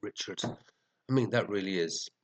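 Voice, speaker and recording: Low-pitched sniffly man, chatting casually. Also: unhurried. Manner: chatty, muttering to himself, mildly sweary. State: sniffly, congested with a head cold. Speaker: fantasy football show host. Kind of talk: casual rambling commentary reviewing team scores.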